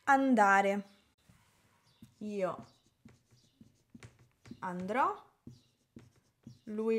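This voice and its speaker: A woman from Italy teaching a language lesson at an unhurried pace. She lays out each example word with careful, deliberate pronunciation, in a mid-range voice. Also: medium pitch. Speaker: Italian teacher. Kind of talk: slow, clear language lesson.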